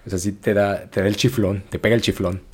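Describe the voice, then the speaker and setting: A young man with a Mexican Spanish accent, telling a story in a slangy, animated, casual podcast chat. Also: on the low side, brisk, slightly rough. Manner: slangy, animated, acts out quotes. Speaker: podcast host.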